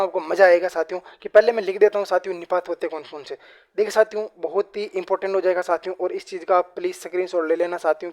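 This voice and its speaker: A man teaching a grammar lesson for exam preparation. He asks questions and answers them himself, fills nearly every phrase with the same address to his viewers, and slows down to read example sentences aloud. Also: sits high, darkish tone. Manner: repeats "साथियों" and "बिल्कुल" constantly.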